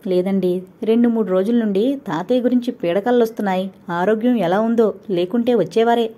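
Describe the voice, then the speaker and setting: A shy, obedient young wife who answers quietly and humbly, as a woman reader voices her. Her voice is soft and mellow. It sounds like a gentle storybook heroine. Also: mid-range voice, fairly quick, lightly acted. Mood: meek. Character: timid, meek young wife.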